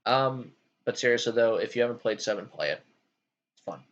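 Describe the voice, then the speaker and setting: A man hosting a casual gaming chat, talking in an animated way with frequent ums. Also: mid-range voice, brisk, dull audio. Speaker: podcast host ranking game worlds.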